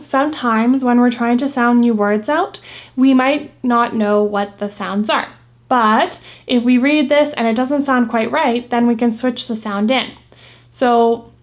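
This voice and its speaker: A woman teacher giving a recorded phonics lesson to young students, patiently repeating example words slowly. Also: fairly high pitch.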